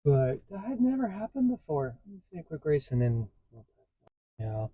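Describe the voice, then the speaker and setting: A man casually telling stories in a vlog from inside his parked vehicle, getting animated as he retells what happened. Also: a little high, moderate pace, phone-quality sound, a little hiss or hum. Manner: chatty, animated when retelling a story. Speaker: vlogger.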